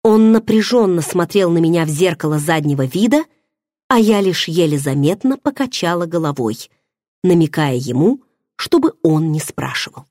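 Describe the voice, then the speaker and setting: Husky, lively woman reading a novel. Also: lowish voice, normal speed, no echo, clean studio sound. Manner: expressive first-person storytelling. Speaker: audiobook narrator. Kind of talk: scripted narration.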